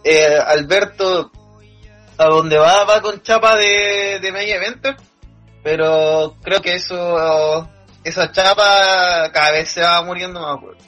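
A man's voice: high-pitched, steady tone, slow, sharp tone, soft background music. A man with a Chilean accent giving blunt, opinionated takes in a casual podcast, swearing freely. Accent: Chilean Spanish. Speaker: podcast co-host. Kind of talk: casual chat about wrestling.

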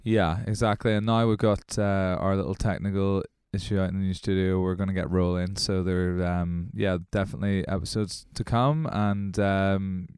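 A man's voice: sits low, normal speed, hardly any pauses, smooth, no echo, studio quality. A man co-hosting a podcast in casual chat, rambling with many fillers. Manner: rambling, relaxed, full of fillers. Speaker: podcast co-host. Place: small podcast studio.

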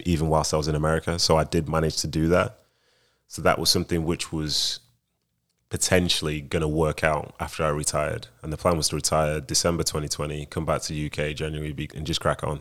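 A man's voice: a bass voice, fairly bright tone. A young man, a retired footballer now in broadcasting, answering interview questions in a laid-back, rambling way.

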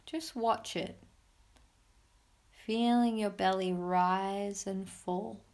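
A woman's voice: medium pitch, fairly even intonation, a little mellow. Soothing woman guiding mindfulness. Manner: soothing, unhurried instructions with pauses. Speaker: podcast host and mindfulness guide. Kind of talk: guided meditation for families.

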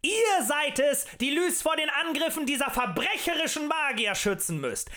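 A man voicing a fiery male demagogue who rants and shouts at a tavern crowd in an audiobook. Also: very high-pitched, huge pitch swings, normal speed, pitched above the performer's own voice, full character voice. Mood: ranting. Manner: ranting, shouting, rhetorical and accusing.

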